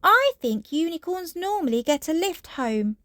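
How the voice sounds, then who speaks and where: A woman's voice: very high voice, big pitch swings, fairly bright tone, no room sound, studio quality, pitched above the performer's own voice, exaggerated voice. A woman voicing a cheerful, imaginative little girl pig with a sweet, childlike delivery in a children's storybook. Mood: sweet, sleepy. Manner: sweet, childlike, drawn-out phrases. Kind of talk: children's storybook read-aloud.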